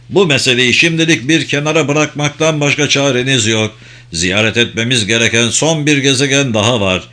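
A man voicing an arrogant middle-aged male autocrat who barks orders and then turns icily calm. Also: mid-range voice, lightly acted.

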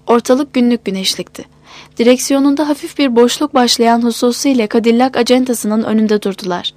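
A woman narrates an audiobook in a measured, even voice. Her pitch sits a little above average. The recording is dry and close, with no room sound. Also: no room sound.

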